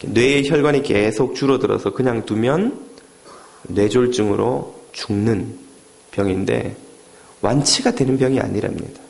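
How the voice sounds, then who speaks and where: A man's voice: mid-range voice, unhurried, gravelly, a little mellow. A middle-aged man preaching a sermon, telling a story dramatically and acting out the people in it. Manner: dramatic storytelling that acts out the quoted voices. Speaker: pastor.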